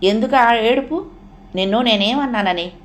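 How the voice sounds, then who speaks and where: A woman's voice: a little high, moderate pace, lightly acted. A woman voicing a bitter, proud rich young man who speaks coldly and scornfully in a storybook reading. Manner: cold, cutting, scornful.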